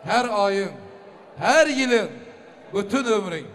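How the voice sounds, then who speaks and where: A man working as a booming wedding announcer, hosting live and ceremoniously calling out blessings and requests for applause. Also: lively intonation, takes it slowly, a bit bright. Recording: live hall with crowd noise. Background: crowd and ambient noise.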